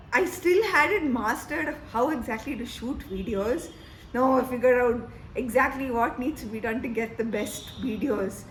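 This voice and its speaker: A woman from India, hosting her cooking channel and chatting cheerfully to the camera at home. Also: sits high. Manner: chatty and cheerful, with light fillers. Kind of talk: casual chat to camera. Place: home room with cats around. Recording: echoey room with faint background noise.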